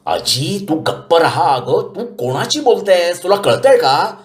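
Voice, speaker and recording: A flustered young man working from home, as a storyteller voices him, his voice pitched a little above the narrator's own. He pleads in raised, exasperated bursts, with lively swings in pitch. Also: measured pace, roomy sound.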